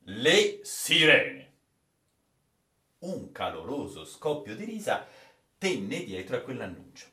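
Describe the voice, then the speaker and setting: A man reading a classic adventure story aloud as narrator, with measured storytelling delivery, in a roomy, echoey space. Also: mid-range voice, fairly bright tone. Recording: roomy echo.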